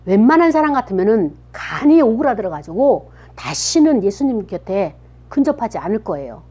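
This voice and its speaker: Husky-voiced woman preaching a sermon. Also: on the high side, darkish tone. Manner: retells scripture with dramatized quotes, rising to emphatic peaks. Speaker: pastor.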